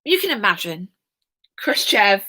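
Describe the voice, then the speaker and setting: A woman's voice: mid-range voice, big pitch swings, measured pace, pushed and bright. Chatty woman teaching history. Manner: chatty and informal, with asides and filler words. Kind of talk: casual recorded history lesson.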